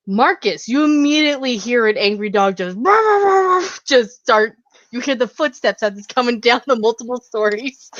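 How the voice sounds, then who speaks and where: A woman's voice: mid-range voice, no room sound. Casual woman game master narrating. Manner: casual, chatty. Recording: dull lo-fi, dry.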